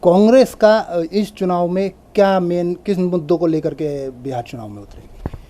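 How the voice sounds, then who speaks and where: Distant, mellow male reporter. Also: high-pitched, normal speed. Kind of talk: interview questions.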